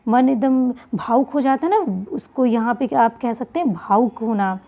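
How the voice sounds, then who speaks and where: A woman's voice: on the high side, normal speed. A woman teacher explaining a Sanskrit textbook lesson, going word by word and repeating key terms. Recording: tinny phone-like audio.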